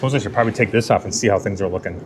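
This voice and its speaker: A man's voice: fairly low pitch, rapid-fire, background noise. Self-mocking man muttering in his garage. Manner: self-deprecating, joking to himself while working; muttering asides, sometimes whispering. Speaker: garage channel host. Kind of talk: casual self-narrated shop vlog. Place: home garage workshop.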